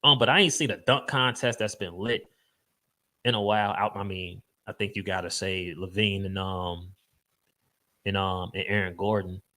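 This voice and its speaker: Stuffy-nosed man, bright sports rant. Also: deep voice, fairly even intonation, moderate pace. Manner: loose, emphatic slang-heavy rant with frequent fillers. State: congested, stuffed up with a cold. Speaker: podcast host. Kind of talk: casual sports talk.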